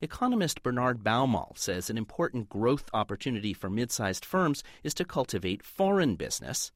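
A man's voice: medium pitch, normal speed, dry recording, clean studio sound. A man reading a scripted radio news report in a polished manner. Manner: lively, polished delivery.

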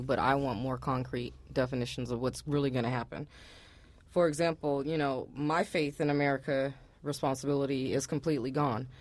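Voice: medium pitch, dry recording. A person in their forties speaking frustratedly and insistently as a radio interview guest. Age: 40s. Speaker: interview guest, unemployed business owner.

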